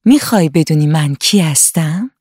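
A woman voicing a wise old magic tree with a sweet, calm voice, speaking slowly and kindly in a storybook reading. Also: deep voice, breathy edge, no room sound, clean studio sound. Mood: gentle. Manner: slow, soothing, kindly.

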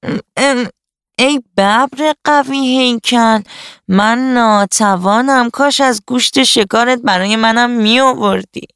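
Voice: medium pitch, a bit bright, clear, resonant tone, no echo, studio quality, close to an everyday voice. A storyteller voicing a lazy, whining male jackal who fawns and begs in a children's radio story. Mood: pleading. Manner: whining, fawning, drawn-out pleading.

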